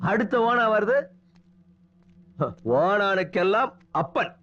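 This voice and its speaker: A man's voice: high-pitched, slow pace, fairly bright tone, soft background music. An actor playing a drunk young man who mocks his elders, then pleads with his father. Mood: bitter. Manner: slurring, mocking then pleading. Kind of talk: film drama acting. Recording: dull film soundtrack.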